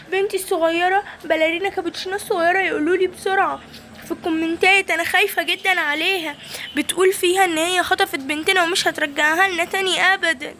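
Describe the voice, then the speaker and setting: A woman plays a frantic Egyptian mom in a toy play video, fretting anxiously over her missing daughter. The voice is high and bright. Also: slight background noise. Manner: anxious, fretful. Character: panicked worried mother.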